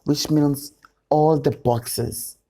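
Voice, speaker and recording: A woman's voice: a bass voice, sing-song, unhurried, a little mellow, slightly rough. A South African woman talking in a playful, affectionate and teasing way during a casual group chat. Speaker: guest.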